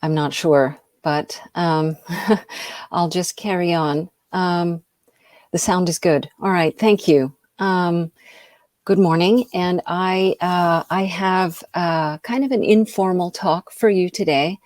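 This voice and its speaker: A woman's voice: lowish voice, steady tone, slow, a little mellow, dry recording, studio quality. A middle-aged woman from the United States, giving an informal talk as an invited speaker, hesitant with many ums and uhs. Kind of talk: informal lecture over a video call.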